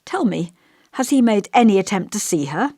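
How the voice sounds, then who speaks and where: In this audiobook dialogue, a female narrator voices a village vicar who is old, gentle, and given to rambling, speaking in a musing, dated, faintly self-important manner. She is very animated at a moderate pace, her pitch wandering widely, her mood earnest and scolding. The recording is dry, a little mellow, and free of room sound.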